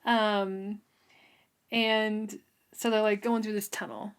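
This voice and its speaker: A podcast co-host with a clear, resonant, medium-pitched voice speaks slowly, with little pitch movement, on a casual book club show. She's giggly and rambling, laughing often and saying "um" and "like" a lot.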